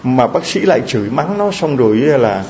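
Gravelly, animated male preacher. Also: medium pitch, moderate pace, slight background noise. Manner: emotional retelling with stammered repeats. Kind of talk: moral storytelling in a sermon. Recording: dull lo-fi recording.

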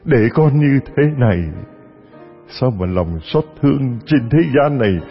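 A man voicing a grieving old nurse who laments tearfully, with soft music behind and a long echo. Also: medium pitch, animated, a little slow. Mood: sobbing lament. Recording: dull audio with long reverb.

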